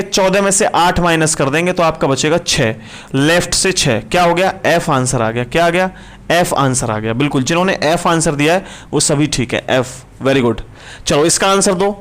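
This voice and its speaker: Male tutor, fairly high voice, brisk live class, keeps asking students questions. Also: fairly bright tone. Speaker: reasoning teacher.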